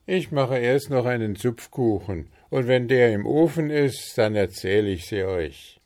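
A man's voice: mid-range voice, expressive, unhurried, a little mellow, close to an everyday voice. A man voicing a fussy, easily flustered male gnome baker who grumbles, in a storybook reading. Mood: grumbling.

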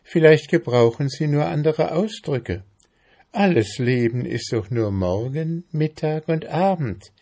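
A light, raised voice for a dreamy female mayfly , as a male reader puts her on, soft and wistful. The delivery is unhurried, with a slight gravelly grain. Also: fairly high pitch, lively intonation, pitched above the performer's own voice.

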